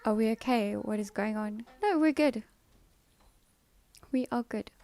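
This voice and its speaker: With an unhurried, dark-toned voice on the higher side, a woman live streamer soothingly chats with her viewers in a dry recording. She playfully responds to their comments and at times insists on a firm no, repeated several times.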